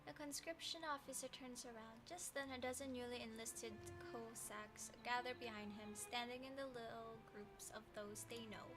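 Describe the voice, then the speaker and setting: A woman's voice: on the high side, fairly even intonation, moderate pace, hardly any pauses. A woman livestreaming a story game, reading narration aloud and adding playful, teasing, slangy commentary. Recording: music behind the voice. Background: game music.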